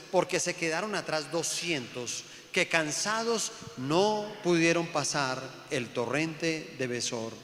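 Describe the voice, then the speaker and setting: Animated preacher in echoey hall. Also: male voice. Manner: animated, swings from loud calls to low asides, acts out voices. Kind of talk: sermon.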